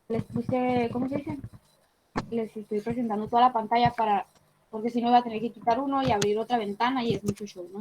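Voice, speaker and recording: Woman teacher on a video call, kinda high voice, faint hiss behind her. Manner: explains patiently, checks with frequent tag questions. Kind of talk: online class review. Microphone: computer mic on a video call.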